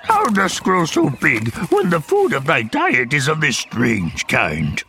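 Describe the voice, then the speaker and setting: A man voicing an impish, mischievous little old swamp creature with a raspy croak, hammy stage delivery and inverted archaic phrasing. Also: a little high, wildly swooping pitch, slow pace, bright, forceful tone, soft background music, full character voice. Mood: mischievous, indignant.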